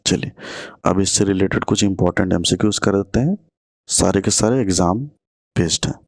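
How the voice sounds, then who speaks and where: A man teaching an exam-prep lesson. He reads questions slowly and then explains them quickly in Hindi. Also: low-pitched, steady tone, no echo, studio quality.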